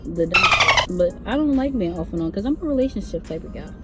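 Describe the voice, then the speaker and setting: A young woman vlogger casually telling a personal story, chatty and animated with sing-song asides. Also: medium pitch, fairly quick, over loud music. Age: young adult.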